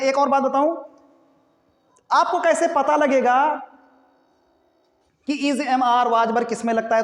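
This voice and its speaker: A man with a strikingly high voice teaches a spoken English class, patiently repeating words for his students to copy. He is recorded in an echoey classroom where his voice rings with a long reverb. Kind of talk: classroom lesson with board work. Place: classroom with a board.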